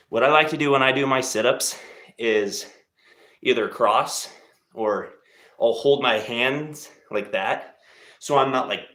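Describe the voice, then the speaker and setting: A man's voice: mid-range voice, bright, forceful tone. A man hosting a casual live stream as he works out at home. He rambles and jokes while cheering on his viewers. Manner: laid-back, rambling, jokey encouragement. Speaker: livestream host leading a workout. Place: home workout space. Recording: roomy echo.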